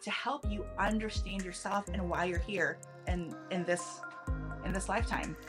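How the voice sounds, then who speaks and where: A woman's voice: medium pitch, normal speed, music in the background. A woman speaking as a numerology guest in a casual podcast interview, chatty, restarting her sentences and laughing easily.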